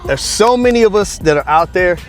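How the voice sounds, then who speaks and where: Man in his sixties, fitness podcast host, fairly high voice, friendly and laughing, light music behind. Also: lively intonation, brisk. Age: 60s. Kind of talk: casual chat.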